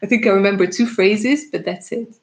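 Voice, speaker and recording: On a live stream, a Russian-born tarot reader whose native language is Russian talks with her audience, often laughing and addressing them as darling. She has a medium-pitched voice and a fairly quick pace.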